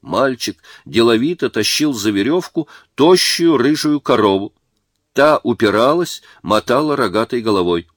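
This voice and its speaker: A man reading a war story aloud as narrator, in a measured and dramatic way. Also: medium pitch, expressive, no room sound, studio quality.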